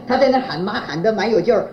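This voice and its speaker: A woman preaching a sermon, often posing fill-in questions to the congregation and chuckling through her stories. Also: mid-range voice. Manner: chuckles while telling anecdotes. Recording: roomy, dull lo-fi recording.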